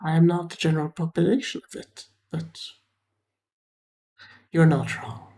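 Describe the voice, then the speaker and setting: A man voicing a cryptic male trader of glowing trinkets, speaking in a sly, secretive hush. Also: on the high side, steady tone, a little slow, voice pushed up.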